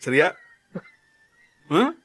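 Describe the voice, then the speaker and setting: Older dad role: unhurried, soft, consoling, played by a man in a serial dub. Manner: slow, gentle, consoling. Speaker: father figure. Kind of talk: dubbed serial dialogue.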